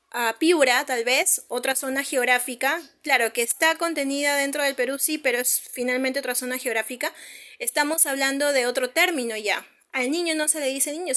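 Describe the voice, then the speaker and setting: A woman's voice: sits high, pushed and bright. A Peruvian woman teaching a secondary school language class online, explaining slides patiently and checking in with her students with frequent tag questions. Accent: Peruvian Spanish. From Peru.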